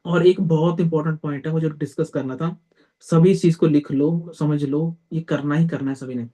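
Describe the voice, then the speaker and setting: A man's voice: on the high side, fairly even intonation, moderate pace, mellow. Blunt young man leading a team meeting. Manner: direct and blunt, peppers talk with "theek hai"; addresses listeners as brother. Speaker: team leader. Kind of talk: motivational team meeting talk.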